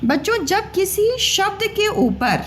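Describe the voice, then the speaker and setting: A woman teacher giving a patient, coaxing lesson to children, sounding out letters slowly and repeating them. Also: very high voice, big pitch swings, a bit bright, a little hiss or hum.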